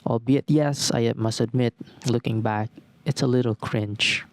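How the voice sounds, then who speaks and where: Reflective young man, smooth voice. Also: medium pitch, steady tone, a little slow. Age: 20s. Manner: thoughtful, repeats phrases in lists. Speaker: podcast host. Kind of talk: reflective solo talk.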